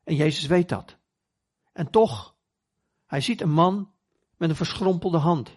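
A man preaches a sermon in an earnest storytelling manner, giving the quoted voices a little life. His voice sits a touch high and carries a slightly husky edge. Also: a little slow, a little mellow.

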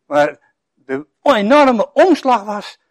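An older pastor preaches a sermon in a conversational way, full of "eh" and "hè" asides and soft chuckles, and reads scripture passages with a rising, emphatic voice. He speaks at a slow pace in a high-pitched voice with big swings in pitch, and there's no room sound.

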